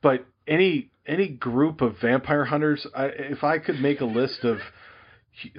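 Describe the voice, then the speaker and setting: A man's voice: mid-range voice, moderate pace, husky, dull audio. Wry man in casual movie chat. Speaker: podcast co-host.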